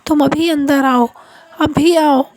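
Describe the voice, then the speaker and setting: A woman's voice: high voice, fairly even intonation, slow, a little mellow, no echo. Commanding young husband in a storybook, read by a woman, dry close sound. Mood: firm.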